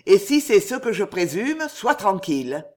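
A man's voice: high voice, very animated, measured pace. A man voicing a wealthy, mysterious count in a storybook reading, commanding and fervent. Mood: eager. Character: wealthy, mysterious male count, intense and generous.

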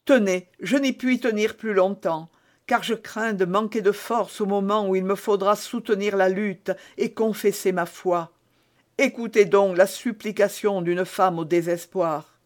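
A man's voice: high-pitched, fairly even intonation, measured pace. Milady, a tearful scheming woman prisoner, voiced by a man. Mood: pleading, indignant. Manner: tearful, imploring, theatrical.

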